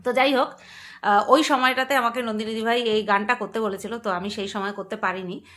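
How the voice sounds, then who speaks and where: A young woman from Bengal talks straight to her viewers in a loose, chatty vlog. Her voice is bright and sits a little high, and she leans on words, repeating them playfully as she makes her points. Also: steady tone, fairly quick. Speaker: vlogger. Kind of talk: casual commentary to camera.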